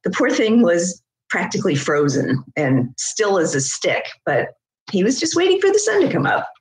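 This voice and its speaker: American lady reading her poems at a festival, kinda low voice, echoey room. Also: very animated. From United States. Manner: measured reading, with ums in the asides. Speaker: poet. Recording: roomy echo.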